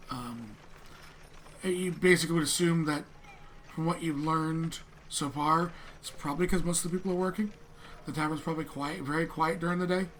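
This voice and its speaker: A man with a fairly high voice runs a tabletop game as its master. He narrates conversationally, hedging and pausing as he improvises. The recording has clear noise in the background. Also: fairly bright tone. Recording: clearly noisy room.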